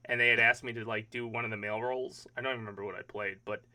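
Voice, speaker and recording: A man's voice: medium pitch, fairly even intonation, very fast, sharp tone. A young man hosting a podcast, chatting casually, cursing now and then and trailing off mid-question. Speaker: podcast host.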